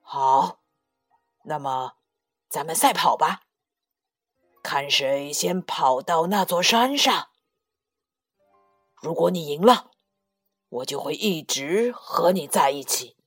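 A big, gruff tyrannosaurus dad from a children's storybook, rough but tender underneath, as a woman puts him on. His slow, low lines come out a little breathy, with soft music behind. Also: animated, full character voice. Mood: firm.

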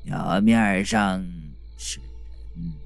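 A man's voice: fairly low pitch, steady tone, creaky, clean tone, no room sound, soft background music, voice pushed down, heavily acted. A man voicing a sinister, paranoid old man in an audiobook, speaking gloomily and accusingly. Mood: ominous. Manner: gloomy, accusing, slow and ominous. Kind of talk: audiobook character voice.

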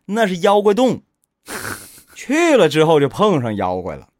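A man hosting a casual chat, animated and joking, acting out quoted lines. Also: sits high, moderate pace, no echo, studio quality. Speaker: host.

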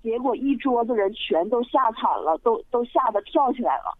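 A woman's voice: a little high, animated, moderate pace, no echo. A woman from Sichuan calling into a radio show, telling a ghost story with many hesitant fillers over the phone. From Sichuan, China. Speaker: radio call-in listener. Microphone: telephone. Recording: tinny dry phone line.

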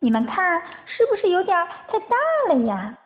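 A woman's voice: very high voice, big pitch swings, moderate pace, pitched above the performer's own voice. A woman voicing a kind, brave little male animal child in a storybook, childlike and tearful, on a tinny phone-like recording.

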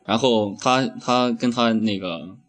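A man's voice: on the low side, slow. A young man hosting a casual comedic chat, ranting with heavy profanity and frequent laughs. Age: young adult. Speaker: host.

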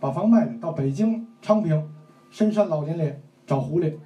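A man performing a comic crosstalk routine on stage, telling a story with animated shifts between narration and acting out characters, recorded live in a roomy space. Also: a little high, normal speed, distant mic. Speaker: crosstalk comedian. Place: stage before a live audience.

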